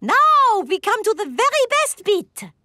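A woman's voice: very high voice, sing-song, measured pace, no room sound, studio quality, exaggerated voice. A woman voicing a kind, encouraging female gazelle who teaches a playgroup in a cartoon. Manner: gently instructive.

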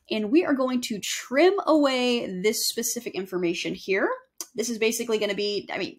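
A young woman giving a casual screen-share software tutorial, chatty and self-correcting as she walks through each step. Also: on the high side. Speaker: email marketing instructor. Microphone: webcam overlay on screen recording.

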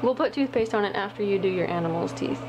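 A woman's voice: medium pitch, fast talker, noisy background. A woman at home coaxing her toddler to brush his teeth, filmed on a handheld camera in a small bathroom. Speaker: mother, co-vlogger. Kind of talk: casual home vlog.

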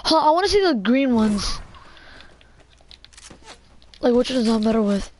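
A young woman in her twenties streaming a shooter game, chattering excitably and rambling with lots of "like" fillers. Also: on the high side, normal speed, slight background noise. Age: 20s. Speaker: gamer streaming. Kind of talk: casual gameplay chatter.

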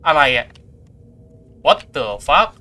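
A man talks through his game as he plays, loose and chatty, reacting out loud to every surprise. His voice sits fairly high with a bright, forward edge, and he swears jokingly while thinking aloud. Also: drawn-out words. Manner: excitable, talks to himself, swears in jest. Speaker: gameplay streamer. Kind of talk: casual let's-play commentary.

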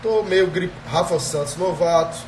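Speaking at a moderate pace in a slightly high voice, a thirtysomething productivity coach with a Brazilian Portuguese accent and a cold live-streams to viewers. He's energetic, talks straight to them, and keeps asking "tá?". The phone's earphone headset mic sits distant in a small indoor room, giving a roomy sound with slight background noise.

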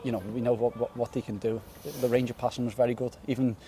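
A young man in his twenties, a footballer giving a post-match interview outdoors on a floodlit pitch at night, earnest and repeating words as he thinks. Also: flat delivery, fast talker, warm tone. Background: faint outdoor stadium ambience.

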